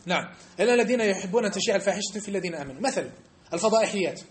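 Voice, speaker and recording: A man giving a mosque study-circle lesson, animated and emphatic, often checking that his listeners understand. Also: high voice, very fast. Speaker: religious teacher. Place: mosque hall.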